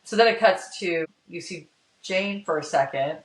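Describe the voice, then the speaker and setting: A man's voice: sits high, normal speed. A man co-hosting a podcast, casually recapping a TV episode at length and acting out quoted lines. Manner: narrates plot at length, acts out quoted lines. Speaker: podcast co-host. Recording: roomy, distant from the mic.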